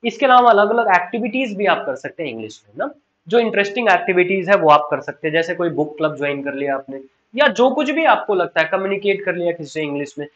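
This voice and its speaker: A man's voice: sits high, animated, fast, fairly bright tone. A man with an Indian accent teaching a spoken English class, earnest and encouraging, repeating his key points. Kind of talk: online class lecture mixing Hindi and English. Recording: slightly dull lo-fi sound.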